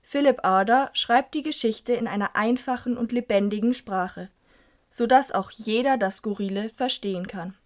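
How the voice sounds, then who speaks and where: A young adult woman presenting a scripted book review and reading a passage aloud in a clear, even storytelling manner. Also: fairly high pitch, moderate pace.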